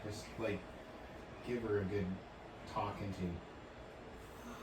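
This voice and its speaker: A woman's voice: extremely low pitch, fairly even intonation, drawn-out words, far from the mic, background noise. A woman helping dye someone's hair at home, teasing and giving instructions. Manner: bossy, teasing. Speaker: family member helping with the dye. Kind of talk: casual chat. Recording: echoey and off-mic, with music.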